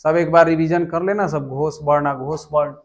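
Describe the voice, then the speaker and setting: A man's voice: a little high, fairly even intonation, normal speed, lo-fi sound. A young man, a teacher working through exam questions and repeating each question aloud.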